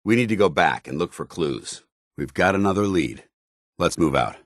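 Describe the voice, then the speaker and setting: An actor playing a stern, duty-bound paladin soldier in a video game, gruff, commanding and formal in his military phrasing. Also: sits low, lively intonation, moderate pace, no echo, clean studio sound. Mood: steady, businesslike. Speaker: military companion character.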